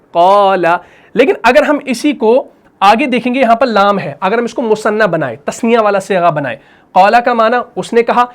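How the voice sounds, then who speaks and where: A man teaching tajweed in Urdu with a Pakistani accent, explaining the rules patiently, repeating them often and stretching out sounds to model recitation. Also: high voice. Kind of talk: tajweed lesson.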